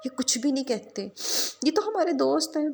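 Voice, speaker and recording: A woman voicing a gentle doll mother who reassures her child in a coaxing manner. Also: sits high, big pitch swings, normal speed, gravelly, pitched above the performer's own voice, heavily acted. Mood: soothing.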